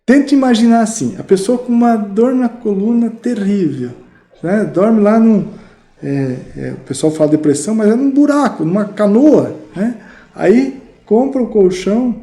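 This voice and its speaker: Animated Brazilian man with a dark voice. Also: sits high, measured pace. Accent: Brazilian Portuguese. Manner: animated, lively anecdotes with many fillers. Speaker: guest, mattress salesman. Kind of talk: casual storytelling interview. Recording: roomy podcast studio.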